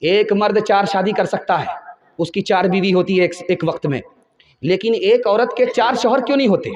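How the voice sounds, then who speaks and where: A male preacher with a high-pitched voice tells dramatic stories as he preaches. His voice rings through an echoey room. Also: normal speed. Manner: dramatic storytelling with acted quotes. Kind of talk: storytelling sermon.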